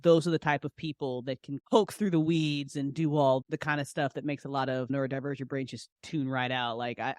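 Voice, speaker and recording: Recorded with clean studio sound and no room sound, this low-voiced woman, an audio drama writer and director, appears as a podcast guest. Her casual interview talk is passionate and emphatic, with phrases repeated for emphasis.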